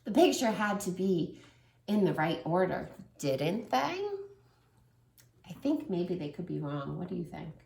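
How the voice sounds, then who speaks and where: With a lowish voice, a measured pace and some vocal fry, a woman in her thirties reads a picture book to toddlers, asking them questions along the way; a slight hiss or hum is audible. She's a warm, animated children's story reader and teacher in an echoey room.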